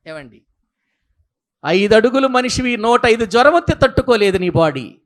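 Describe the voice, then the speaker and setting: Male preacher, bright forceful tone, emphatic sermon delivery that keeps questioning the congregation. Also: extremely high pitch, animated, moderate pace. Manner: emphatic, fires rhetorical questions at listeners.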